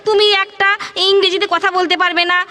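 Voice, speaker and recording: A woman plays a brisk married daughter who scolds her mother in an audio drama. Her voice is very high, bright and sharp. She speaks with a Bengali accent and an impatient manner. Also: little pitch movement. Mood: scolding.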